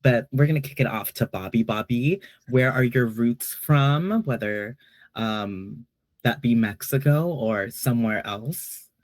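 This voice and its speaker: A chatty man from Peru hosts a casual online panel. He jokes around and hedges with frequent "um"s, speaking at a middle pitch. The sound is dry and close. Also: unhurried, no room sound. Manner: playful, chatty, hesitant fillers. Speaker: panel moderator.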